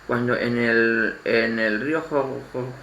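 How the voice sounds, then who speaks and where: Man, Spanish accent, informal sermon, gravelly voice, echoey room with faint ambience. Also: medium pitch, steady tone, pushed and bright, a little hiss or hum. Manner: halting, repeats words, restarts phrases. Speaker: lay preacher.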